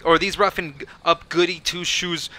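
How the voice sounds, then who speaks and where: A man's voice: on the high side, level tone, normal speed, sharp tone, a little hiss or hum, pitched above the performer's own voice. A man doing a brash New Jersey villain wedding planner. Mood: swaggering.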